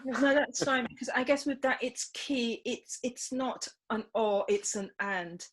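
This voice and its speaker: A woman's voice: on the high side, a little slow, slightly rough. A woman hosting an online panel discussion, putting questions to her guests in an encouraging way. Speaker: host. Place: home, online video call.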